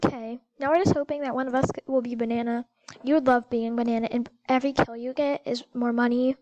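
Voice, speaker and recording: A woman hosting a gameplay video, chatting excitedly and explaining the game rules to a friend as they play. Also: a little high, quick pace, dry recording, highs cut off. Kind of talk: casual gameplay chat.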